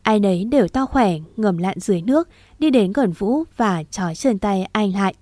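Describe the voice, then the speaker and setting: A woman narrating a story as an audiobook in an even, steady manner. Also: medium pitch, normal speed, no echo.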